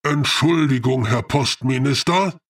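A man voicing a huge male clay golem who speaks slowly with unshakable calm. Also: medium pitch, far from the mic, close to an everyday voice. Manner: slow, even and unshakably calm. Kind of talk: audiobook character voice.

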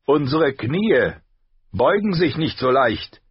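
A man voicing a grave, loyal knight commander who speaks slowly and solemnly. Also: a little high, very animated, slightly rough, no room sound, lo-fi sound, voice pushed up, full character voice.

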